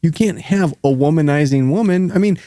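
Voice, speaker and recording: A man with a slightly high voice hosts a casual, sweary podcast. He rambles in an excitable, opinionated way, recorded dry and close. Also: a little fast, no echo. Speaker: podcast host. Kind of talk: casual, profane podcast chat.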